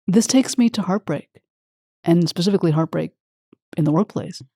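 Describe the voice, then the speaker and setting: A woman's voice: on the low side, normal speed, creaky, dark tone, dry recording, clean studio sound. A woman hosting an interview, effusive and openly emotional as she talks with her guest. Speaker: podcast host.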